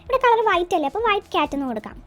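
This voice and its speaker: A woman's voice: very high-pitched, sing-song, very fast, fairly bright tone. A woman teacher explaining a textbook lesson, asking and answering her own questions and translating English lines as she goes.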